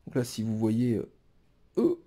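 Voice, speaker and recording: A man's voice: on the low side, very animated, measured pace, warm tone. A man casually presenting a tarot deck card by card, musing aloud with many fillers and restarts. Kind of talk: casual show-and-tell presentation.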